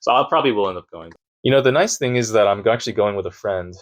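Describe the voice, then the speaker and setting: Speaking fast in a lowish voice, this video maker and streamer vlogs casually from a sparsely furnished room at home, sounding nervous and putting himself down.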